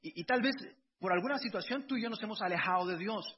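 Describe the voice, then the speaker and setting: A man's voice: high voice, fast talker, a little hiss or hum. A middle-aged man, preaching a conversational sermon with personal stories and frequent restarts. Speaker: pastor. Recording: dull lo-fi sound.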